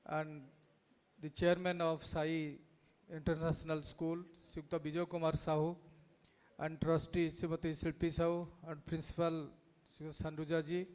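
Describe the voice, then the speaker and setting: Man, Indian accent, fairly high flat voice, formal ceremonious address, halting phrases. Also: smooth. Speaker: guest of honour, local legislator.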